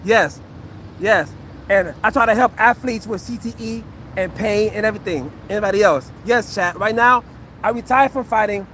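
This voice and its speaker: With a voice that sits high and has a fairly bright tone, this man in his fifties, a former fighter who now works as an acupuncture physician, talks to his live chat about a fight at a normal speed. He's earnest, casual, and repetitive, and faint background noise can be heard.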